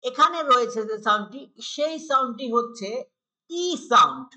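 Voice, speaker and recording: A woman's bright, somewhat high voice with a Bangladeshi accent leads a primary English lesson. She reads English lines slowly, then explains them patiently and repeats each word for pupils to copy. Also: sing-song, low-quality recording. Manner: patient, repeats words for practice. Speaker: primary school English teacher. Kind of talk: textbook lesson for young pupils.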